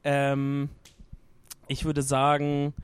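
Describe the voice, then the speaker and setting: A man's voice: mid-range voice, monotone, very slow, clear, resonant tone, no room sound. A man in casual group chat at a gaming event, hesitant and searching for words, with lots of fillers. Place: noisy event hall at a gaming party.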